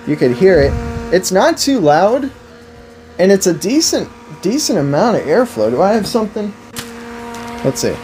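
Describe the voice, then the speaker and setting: This man's voice is a little high with a darkish tone. In his twenties, he sits at a table before a backdrop in an indoor room, giving an enthusiastic, emphatic, unscripted product review and frequently repeating himself.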